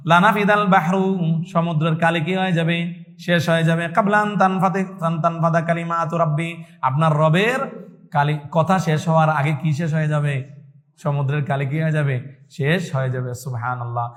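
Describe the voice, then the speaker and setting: A man's voice: on the high side, fairly even intonation, normal speed. Man teaching with questions and answers, echoing. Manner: asks questions then answers them himself, repeating points; recites Arabic verses in a chanting tone. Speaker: Islamic teacher giving a lesson. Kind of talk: religious lesson in call-and-response.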